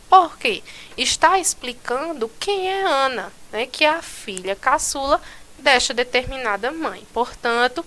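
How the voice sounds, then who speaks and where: A woman's voice: a little high, pushed and bright. A Brazilian woman teaching a recorded school lesson, explaining step by step and checking in often with "né" and "tá certo". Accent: Brazilian Portuguese.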